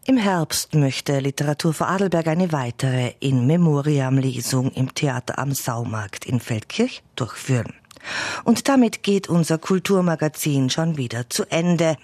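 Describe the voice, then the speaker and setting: A woman presenting a radio culture magazine. She announces in a smooth, scripted way. The sound is dry and close. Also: sits low, animated, unhurried, a little mellow, dry recording. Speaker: radio host.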